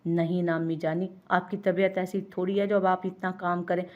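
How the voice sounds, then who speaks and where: Female narrator as a pouty young woman, easily offended, lower voice. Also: little pitch movement, highs cut off, lightly acted. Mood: caring. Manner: sulky, quick to take offense.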